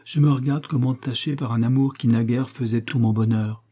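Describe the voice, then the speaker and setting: An earnest young wife pours out a tender, moralizing letter, read by a man. The voice is dark and mellow with a husky grain, steady and solemn. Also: medium pitch, brisk, natural voice.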